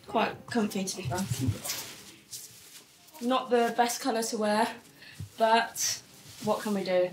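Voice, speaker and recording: Relaxed woman footballer in an echoey room. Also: medium pitch, background noise. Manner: relaxed, laughs easily. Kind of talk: casual vlog-style chat.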